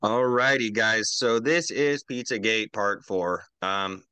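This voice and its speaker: A man's voice: on the low side, takes it slowly, pushed and bright, clean tone, dry recording. A man hosting a podcast in a laid-back, casual way, swearing freely as he talks. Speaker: podcast host.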